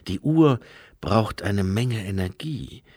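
A man reading aloud and voicing a shrewd, calm old monk in a low, quiet, measured voice. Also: slightly rough, no room sound, studio quality, full character voice.

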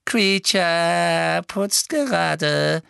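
A man's voice: on the high side, drawn-out words, gravelly, pushed and bright, smooth, no room sound, clean studio sound, voice pushed up, full character voice. A man voicing a servile, spiteful old male house-elf who mutters hastily to himself, in an audiobook. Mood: muttering. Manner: mutters hastily, bows and scrapes.

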